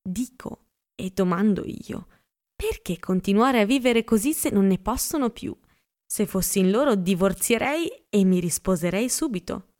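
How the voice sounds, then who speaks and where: A woman voicing a gossipy, excitable young woman in an audiobook, with a chatty manner. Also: medium pitch, moderate pace, natural voice. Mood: confiding. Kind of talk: audiobook character reading.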